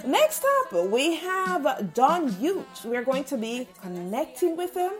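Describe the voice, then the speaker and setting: A woman hosts a live show in a fairly high voice. She presents guests and reads out listener shout-outs in a presenter's style. Faint music sits around her voice. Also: very animated, slow pace. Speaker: radio show host.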